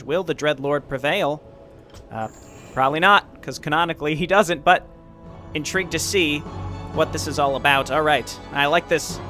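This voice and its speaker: A man's voice: on the high side, sharp tone. A man hosting a gaming video with casual commentary, thinking aloud as he plays. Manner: thinks aloud while playing.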